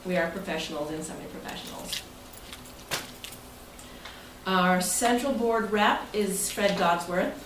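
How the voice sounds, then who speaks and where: An American woman, club president and meeting host, gives an informal, jokey talk, partly read from prepared text, often breaking into chuckles. Her mid-range voice is unhurried with frequent pauses, recorded with a distant mic in an echoey, noisy indoor club meeting room.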